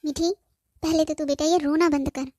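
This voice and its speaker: A woman's voice: high voice, steady tone, moderate pace, darkish tone, dry recording, natural voice. A woman voicing a worried cartoon mother on the phone who presses her daughter with questions and scolds her firmly. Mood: firm scolding. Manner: anxious questioning, then firm scolding. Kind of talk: cartoon voice acting.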